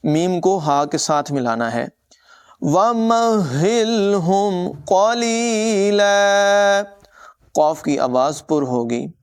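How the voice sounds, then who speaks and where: A man teaching Quran recitation, his voice smooth and clear and pitched a little high. He explains tajweed rules briskly, then recites each phrase slowly and melodically, drawing the long vowels out. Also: a little mellow.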